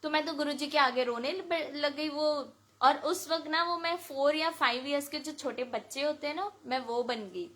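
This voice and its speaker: A woman from India tells her personal testimony to a devotional gathering, voice high and bright. She retells events in an emotional, animated way, voicing each exchange as she goes. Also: normal speed. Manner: emotional, animated retelling with lots of quoted dialogue. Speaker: devotee sharing a testimony at a satsang.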